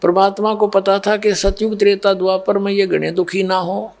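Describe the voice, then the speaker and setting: A man preaches a devotional sermon in a high, gravelly voice. His pitch stays level and unvaried as he keeps up a steady cadence, addressing his listeners directly. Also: moderate pace. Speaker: spiritual preacher.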